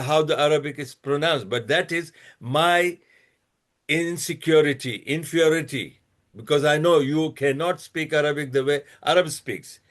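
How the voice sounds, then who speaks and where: A man hosting his own channel gives a lecture-style talk comparing religions. He reads a string of references slowly and deliberately, with plenty of restarts and fillers, and his fairly bright, higher-pitched voice turns blunt and scolding when he speaks to critics.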